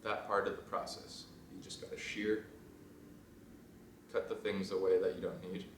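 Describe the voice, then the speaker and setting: Deep-voiced young man, relaxed rambling vlog. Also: normal speed, far from the mic, background noise. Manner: relaxed, rambling, trailing off into quiet asides. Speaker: fashion design student vlogger. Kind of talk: casual vlog talk. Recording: roomy sound from off mic, faint ambience.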